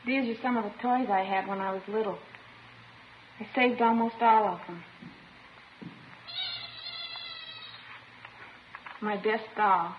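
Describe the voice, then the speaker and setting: A woman's natural, mid-range voice, even in intonation and at normal speed, comes through a muffled, noisy 1950s radio recording. Acting in a crime drama, she portrays a childlike schoolgirl confessing to police who is sullen, defensive, petulant and emotionally cut off.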